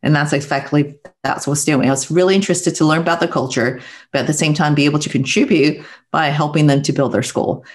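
A woman's voice: low voice, steady tone, fast talker. Guest: middle-aged Taiwan-born woman, earnest and reflective, video-call earbud sound. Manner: earnest, reflective, with soft laughs. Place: home room with bookshelves, indoors. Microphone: wired earbuds headset on video call.

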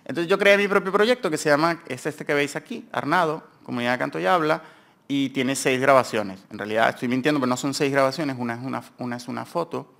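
A man of medium pitch talks fast in a creaky, fairly bright voice with a Peninsular Spanish accent. Presenting research at an academic conference in a university seminar room, he rambles informally and keeps revising what he has just said.

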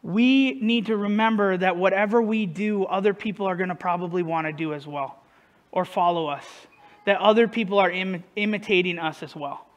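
Male pastor with a high, light voice; casual, self-deprecating sermon delivery. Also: normal speed. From northern United States. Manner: conversational, self-deprecating, asks the congregation questions.

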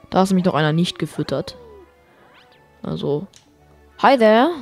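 A woman with a lowish voice gives running commentary on a video game as a let's play host. She talks in an excitable, chatty way, swears freely and tosses in English exclamations. Her voice sounds strained, and faint game music plays behind her. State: voice getting strained. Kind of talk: live gameplay commentary.

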